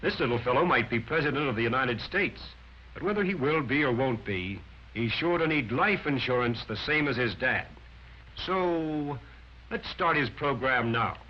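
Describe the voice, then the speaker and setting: Speaking at a moderate pace with lively intonation, this mid-range male voice narrates a scripted 1940s instructional film. He sounds emphatic and declarative, as if teaching. Music plays on a dull, band-limited soundtrack typical of 1940s film.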